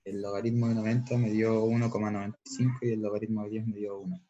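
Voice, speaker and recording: A man's voice: on the low side, little pitch movement, fast talker, mellow. A young man with a Chilean Spanish accent answering his teacher in an online class, reading out results and correcting himself. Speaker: student. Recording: dull lo-fi call audio.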